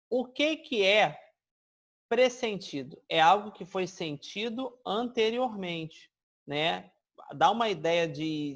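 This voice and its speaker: A man teaching an exam-prep grammar lesson. He explains step by step, keeps checking in with his listeners, and stretches out example words to demonstrate them. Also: sits high.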